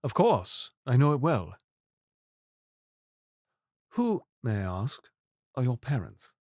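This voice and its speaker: An actor in an audio drama playing King Arthur as a troubled, regal and earnest ruler who speaks in formal, measured courtly phrasing. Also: mid-range voice, huge pitch swings, darkish tone, no room sound, clean studio sound, heavily acted. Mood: uneasy, probing.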